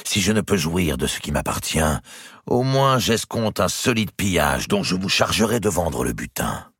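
In a storybook reading, a man voices a boisterous, scheming nobleman who commands and mocks, performing heavily and pitching above his natural register. His voice still sits low, with big pitch swings, normal speed, a fairly bright, breathy tone, and dry studio-quality sound.

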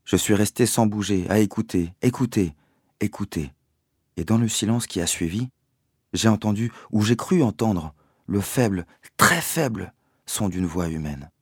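Man, very deep voice, lively intonation, first-person audiobook narration, dry close sound. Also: breathy edge, dry recording. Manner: measured, expressive first-person storytelling. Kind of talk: scripted narration of a novel.

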